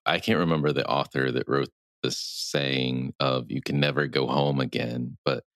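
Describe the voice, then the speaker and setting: A man's voice: very deep voice, fairly even intonation, moderate pace, vocal fry, a bit bright, dry recording, clean studio sound. A man hosting an interview, affirming his guest and asking questions with small restarts. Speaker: podcast host. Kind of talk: conversational interview.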